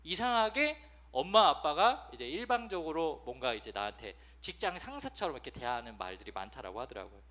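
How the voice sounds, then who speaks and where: A man in his thirties delivers a sermon to a youth congregation, his voice high and bright. His pitch leaps around energetically. He acts out nagging parents with sudden loud bursts. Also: very animated, brisk. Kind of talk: lively sermon with acted-out quotes.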